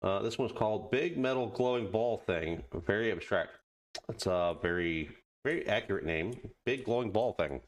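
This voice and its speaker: A man giving casual let's play commentary, muttering halting asides to himself and reading on-screen text aloud. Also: on the low side, expressive. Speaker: gaming video host.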